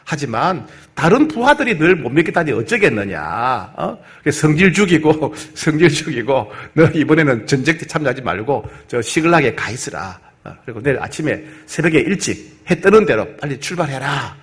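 A male preacher playing an older foreign king who gently persuades a subordinate to go home. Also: a little high, big pitch swings, a little fast, hardly any pauses. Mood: placating.

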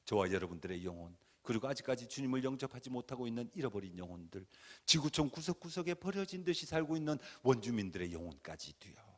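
A man preaching a dramatic testimony sermon in a church, swinging from hushed tones to shouted pleas. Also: mid-range voice, very animated, quick pace. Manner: acts out his own pleas and cries. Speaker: guest speaker at a church revival. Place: church sanctuary.

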